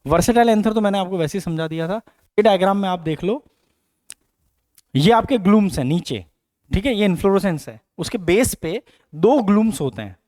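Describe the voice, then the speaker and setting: A man's voice: sits high, expressive, normal speed, darkish tone, no room sound, studio quality. A middle-aged man giving a biology coaching lecture, asking questions and repeating terms to drill them in. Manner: explains with questions and repetitions, Hinglish mix. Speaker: biology teacher.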